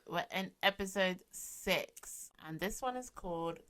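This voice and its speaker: A woman co-hosts a casual podcast chat, her voice sitting notably low. She talks loosely, laughs often and trails off into restarts. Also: measured pace, pushed and bright. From London. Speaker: podcast co-host.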